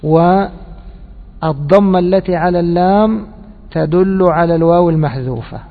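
A man with a fairly high voice gives a classroom lesson, asking his listeners questions and stretching out key words as he explains. The recording is thin and phone-like. His voice rings with a long reverb, as if he were in a large hall. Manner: quizzing listeners with prompting questions; repeats and drawls key words slowly. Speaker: teacher of Quranic exegesis and grammar.

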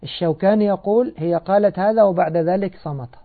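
A Quran teacher, a man, patiently teaches the Quran and grammar, posing questions and then answering them himself. He speaks quickly in a slightly high voice, and the recording sounds thin and tinny, like a phone.

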